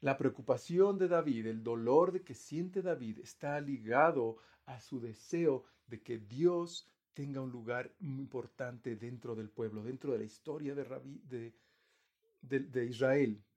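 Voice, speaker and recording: A man preaching a sermon as pastor, earnest, often restarting phrases, his voice rising and then dropping quiet. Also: muffled recording. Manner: earnest, pauses and restarts, voice swells then sinks low.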